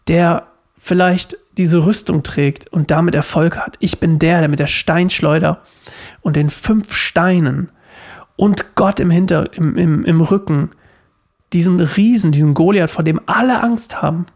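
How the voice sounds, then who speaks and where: A worship leader and podcast host speaks earnestly about faith from his living room, with a high-pitched, darkish voice. He frequently starts his sentences over and repeats important phrases to drive them home.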